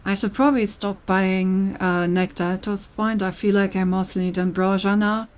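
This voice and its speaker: A woman streamer giving casual, relaxed commentary while she plays, thinking aloud about her next steps. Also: medium pitch, normal speed.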